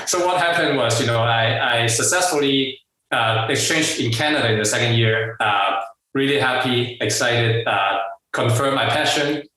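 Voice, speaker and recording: This is a middle-aged guest entrepreneur from Hong Kong by accent, his bright, forward, mid-range voice carrying a casual interview story. He falters, restarts, uses plenty of fillers, and laughs often, all captured from a distance in a room with a heavy echo.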